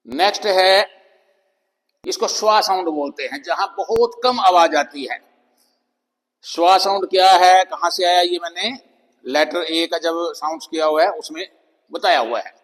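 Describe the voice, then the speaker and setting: Slow-spoken Hindi-accented male teacher. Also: sits high, a bit bright. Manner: slow, deliberate, spells out letters and repeats example words. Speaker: English teacher. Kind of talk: classroom-style pronunciation lesson. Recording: long reverb of a hall-like room.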